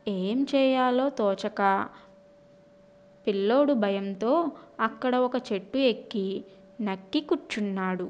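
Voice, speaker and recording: A woman narrating a children's story in an expressive storytelling manner. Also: medium pitch, slow, long pauses, lo-fi sound, noisy background.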